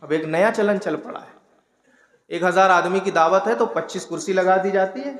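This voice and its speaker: A man delivers a sermon in a high, sharp voice, slipping from quiet talk into loud shouted exhortation. He teases his listeners with mocking asides. The recording carries the roomy echo of a large hall. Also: normal speed. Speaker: Islamic preacher. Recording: echoey hall with long reverb.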